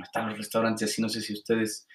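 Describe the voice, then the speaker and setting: A young man with a Mexican Spanish accent, co-hosting a podcast and telling a story in an animated, slangy way. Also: fairly low pitch, fast talker, echoey room. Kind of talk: casual storytelling chat.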